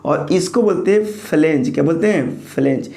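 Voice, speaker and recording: A lecturing man with a fairly high voice. He asks the class each term and then answers it himself. His throat is a little sore, which makes the voice slightly thick and hoarse. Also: normal speed, dark tone. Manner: repeats key terms as call-and-response questions. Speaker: teacher.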